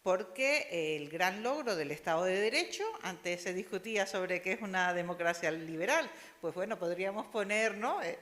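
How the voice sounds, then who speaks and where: An animated woman from Spain with a fairly low, fairly bright voice speaks at normal speed with few pauses, offering a discursive comment and questions from the audience of a university panel. Her Spanish accent and frequent tag questions ring through a lecture hall with long reverb.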